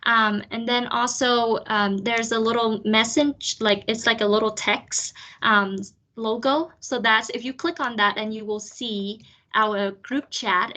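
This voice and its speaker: A woman's voice: a little high, sharp tone. A woman hosting an online student panel, explaining things chattily with many fillers. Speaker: panel facilitator. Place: video call.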